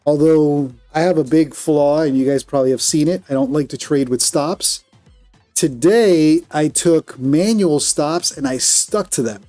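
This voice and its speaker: A Colombian man with a Colombian accent comments on his trades during a live stream, answering viewer chat in a candid, self-critical way. His voice is fairly high and mellow.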